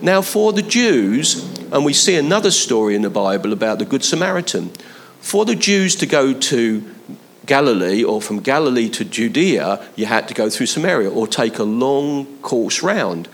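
A man's voice: mid-range voice, big pitch swings, normal speed. A man preaching a conversational sermon, building to emphatic appeals to his listeners. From London, England.

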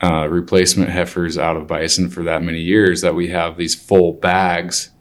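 An older man, a cattleman acting as interviewer, thinking aloud deliberately as he puts questions together piece by piece. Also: sits low, little pitch movement.

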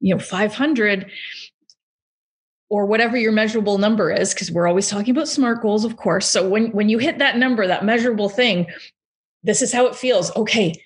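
A woman's voice: medium pitch, brisk. A woman co-hosting a business podcast, chatting enthusiastically, laughing often and acting out little quoted thoughts. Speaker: podcast co-host, business coach. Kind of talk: casual chat.

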